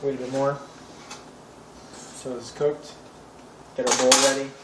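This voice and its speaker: A man's voice: medium pitch, flat delivery, measured pace. A young man hosting a home cooking tutorial, chatty and offhand with wry asides. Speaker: cooking show host. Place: home kitchen. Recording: echoey kitchen, distant camera mic, noisy. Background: clattering pots and cutlery.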